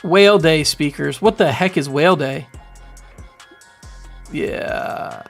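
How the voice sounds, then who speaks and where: A man's voice: fairly high pitch, slow pace, vocal fry, faint music behind. Rambling man in his thirties streaming. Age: 30s. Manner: rambling, animated, filler-heavy. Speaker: livestreamer. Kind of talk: casual livestream commentary. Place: home room. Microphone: studio mic on boom arm.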